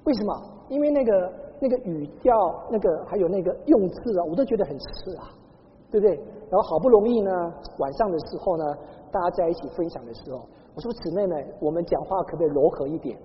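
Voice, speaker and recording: A woman pastor from Taiwan delivers a sermon, telling stories and asking the congregation to answer back. Her pitch rises and falls with a lot of life. The sound is dull and carries a long echo from a large hall. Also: fast talker, slight background noise. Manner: lively storytelling with call-and-response to the congregation. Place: church hall.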